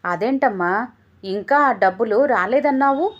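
A woman voicing a sharp-tongued young wife who sounds demanding and quick to anger. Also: on the high side, animated, muffled recording.

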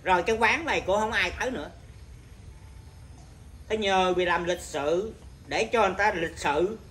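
A Buddhist monk teacher giving an informal dharma talk, blunt and scolding, with a naturally loud voice. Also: male voice, high voice, moderate pace, slight background noise.

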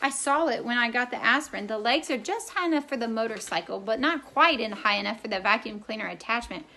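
A woman voicing a small, excitable male mouse while reading a storybook aloud. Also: a little high, fast, exaggerated voice. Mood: excited.

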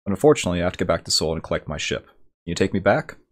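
A man's voice: deep voice, animated, rapid-fire. A man reading a jolly boastful mercenary. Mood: teasing. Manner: hearty, read aloud from game text.

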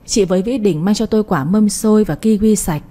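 Woman narrator, warm soft late-night storytelling, mid pitch. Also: a little fast. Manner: soft, emotional first-person reading. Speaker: audiobook storyteller.

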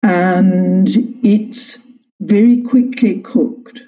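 Older Yorkshire-born woman, a measured storyteller, very slow delivery. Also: mid-range voice, highs cut off. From Yorkshire, England. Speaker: guest, cookbook author. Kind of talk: interview over a call.

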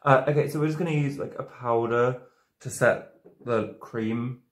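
A makeup video creator in his twenties, tipsy on wine, chats casually to camera while walking through a tutorial, but he rambles, doubts himself and keeps losing his thread. His medium-pitched male voice moves at a normal speed, and the roomy home studio with its dark backdrop leaves an echo on the recording.

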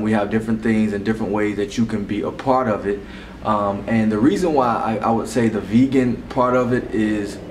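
A man's voice: lowish voice, a little mellow, distant mic, a little hiss or hum. Young guy chatting to camera bout his business, lots of ums, echoey room a bit off mic. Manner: conversational, repeats words and restarts, many fillers. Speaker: meal prep business owner. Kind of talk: casual explainer to camera. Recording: roomy echo, voice a bit off-mic.

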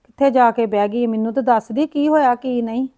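A lonely old grandmother, played by a woman in a village drama, forever sighing and lamenting and muttering to herself. Her voice sits a little high for a woman of her years. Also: a little fast, dark tone, lightly acted. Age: older. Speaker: grandmother in a short film.

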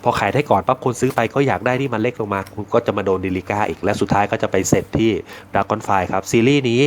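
A man's voice: lowish voice, fast, slight background noise. A middle-aged man who runs a knife shop chats casually about a knife, joking, rambling and swearing freely. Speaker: knife shop owner reviewing knives. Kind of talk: casual product chat.

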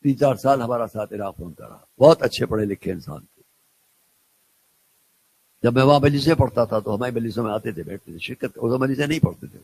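An older male cleric from India speaks in a gravelly, creaky voice at a middling pitch. He tells stories in a religious lecture, repeating key phrases to drive them home. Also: animated, fairly quick, darkish tone, a little hiss or hum. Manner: storytelling, repeats phrases for emphasis. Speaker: Shia cleric and scholar.

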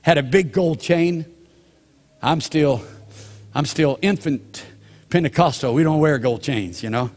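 Older pastor preaching in a reverberant church. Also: male voice, a little high, a little mellow. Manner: storytelling, drawn-out pauses, slows down for emphasis. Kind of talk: sermon. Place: church sanctuary. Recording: long hall reverb of a church sanctuary.

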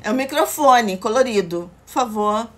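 A woman's voice: fairly high pitch, lively intonation, normal speed, fairly bright tone. A middle-aged woman with a Brazilian accent chatting casually with viewers as the host of a livestream. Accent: Brazilian Portuguese. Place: indoor room at home. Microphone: phone at arm's length.

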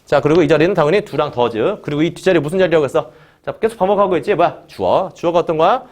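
A man teaching English grammar in Korean, his voice sitting a little on the high side. He opens almost every phrase with a short "자" and keeps firing questions at his students. He has them repeat key words back to him as he works through each example. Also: animated, fast talker, a little mellow. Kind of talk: online grammar lesson.

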